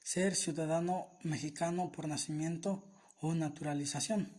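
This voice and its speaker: A man reading aloud a summary of a law in a formal, steady, list-like way. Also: fairly high pitch, normal speed. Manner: steady, even, list-like delivery. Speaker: reader of a legal summary. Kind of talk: formal reading of legal text.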